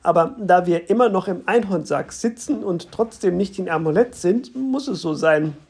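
A narrator giving voice to a patient, knowing man who explains things calmly and steadily. The voice is husky and breathy, at a middling pitch, in a read-aloud story. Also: moderate pace. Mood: explaining. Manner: calm, explaining. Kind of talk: audiobook reading.

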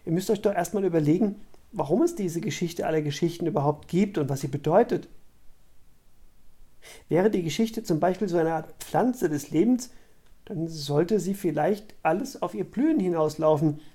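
A reader voicing a thoughtful schoolgirl who is quick to take offense, in a storybook reading. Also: mid-range voice, mellow, breathy edge, natural voice. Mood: indignant.

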